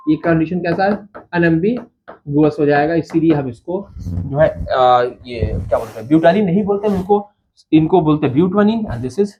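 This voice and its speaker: Higher-voiced male chemistry teacher, lo-fi. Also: dark tone. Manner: addresses students as "bachcha" and "babu", asks and answers own questions; counts carbons slowly while writing. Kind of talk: Hindi-English lecture. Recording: dull lo-fi sound with faint noise.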